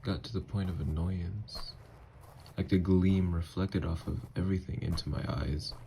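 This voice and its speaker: In an ASMR audio drama, a man plays a gentle, haunted, newly turned vampire lover, speaking in hushed, halting, hesitant phrases. His low, gravelly voice holds a steady tone, the mood earnest and haunted, with a little hiss or hum in the recording.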